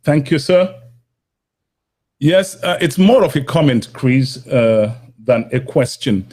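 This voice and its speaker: A man hosting a call-in interview show, asking brisk, probing questions. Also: mid-range voice, animated, dark tone, slightly rough. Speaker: talk show host.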